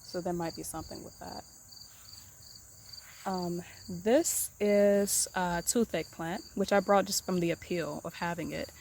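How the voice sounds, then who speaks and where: Low-voiced woman rambling through her garden. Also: a little slow, creaky, slight background noise. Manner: relaxed, rambling, many ums and repeated "really, really". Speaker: home gardener giving an herb tour. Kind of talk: casual garden tour vlog. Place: outdoor garden. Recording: outdoor recording with crickets chirping behind. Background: crickets and insects.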